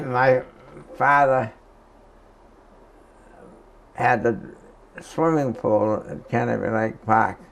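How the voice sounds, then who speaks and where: A very old man, recalling the past in a halting, hesitant oral history interview. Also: mid-range voice, steady tone, vocal fry.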